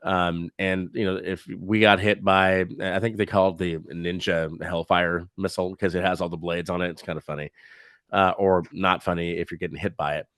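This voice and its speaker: A man's voice: low voice, level tone, normal speed, fairly bright tone, clear, resonant tone, dry recording, studio quality. A man co-hosting a podcast, chatting casually and rambling with many fillers while recovering from covid. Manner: rambling, hesitant, lots of fillers. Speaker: podcast co-host. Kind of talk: casual reaction chat.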